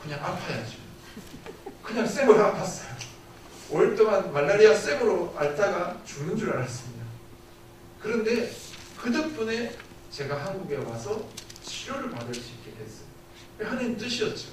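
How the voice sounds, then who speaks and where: A man's voice: sits high, very animated, normal speed, a little hiss or hum. A man preaching a sermon as a missionary, giving an earnest testimony and asking the congregation rhetorical questions. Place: church sanctuary. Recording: very echoey church hall, distant.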